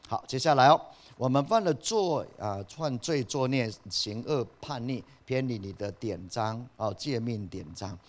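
Speaking at medium pitch and normal speed, this male pastor preaches animatedly with few pauses. His delivery swings between quiet asides and loud, building emphasis, and he asks the congregation questions only to answer them on his own.

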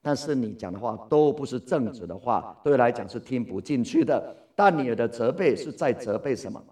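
Lively male Bible teacher, distant mic. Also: medium pitch, normal speed. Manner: lively, asks the listeners questions and answers himself.

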